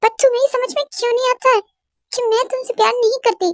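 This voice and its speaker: A woman's voice: very high-pitched, flat delivery, fast, no echo, pitched above the performer's own voice. A woman voicing a frightened young heroine who pleads and stammers in a fan audio drama. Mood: pleading.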